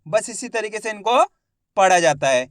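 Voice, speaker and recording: A man with a high voice leads a patient literacy lesson, breaking each word into syllables and repeating it back. He talks straight to his viewers and asks them questions. The sound is dry and close, with no room echo. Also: expressive, moderate pace. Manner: addresses viewers as friends, asks quiz questions. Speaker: Hindi reading teacher.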